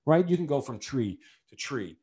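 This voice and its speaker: A male podcast host tells a story in a loose, conversational way. His pitch climbs and dips freely as he talks, and he gets animated at the big moments. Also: normal speed, breathy edge. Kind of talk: storytelling monologue.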